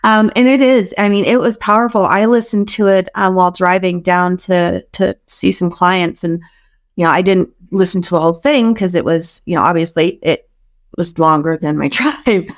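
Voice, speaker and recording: A woman's voice: lowish voice, moderate pace. A woman hosting a podcast, chatty and upbeat, telling personal stories in casual conversation. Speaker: podcast host.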